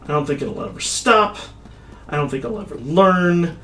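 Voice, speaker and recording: A man streaming a video game, chatting casually, mocking himself, swearing and breaking into sudden excited outbursts. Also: fairly high pitch, normal speed. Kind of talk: casual let's-play commentary.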